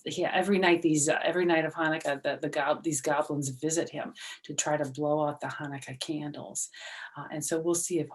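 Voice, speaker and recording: A woman with a deep voice reads a picture book aloud as a storyteller. She adds chatty asides that explain things simply, as if to young children.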